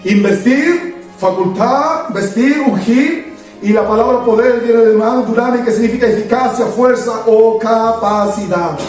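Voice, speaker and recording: A man's voice: extremely high pitch, a little slow, a little mellow. A male pastor preaching a fervent sermon, hammering points home in repeated lists. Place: church sanctuary. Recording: echoey church, distant mic, faint music.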